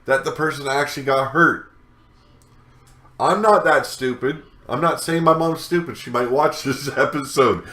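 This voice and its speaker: A man's voice: fairly high pitch, moderate pace, bright, forceful tone, reverberant. A man hosting a wrestling news show, delivering a scornful rant full of profanity. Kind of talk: ranting news commentary.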